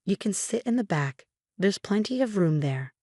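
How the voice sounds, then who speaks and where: A woman's voice: mid-range voice, sing-song, moderate pace, a little mellow, no echo, clean studio sound. A woman voicing a resentful teenage girl at her graduation, speaking curtly and dismissively. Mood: cold. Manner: curt, dismissive.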